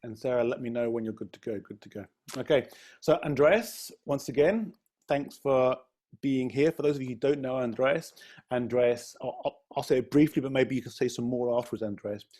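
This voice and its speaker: A man hosts a live-streamed interview in a chatty, friendly way, stumbling a little over his words as he introduces his guest. His voice is dark and mellow with a husky edge. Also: medium pitch, normal speed. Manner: chatty, gently hesitant, friendly questioning.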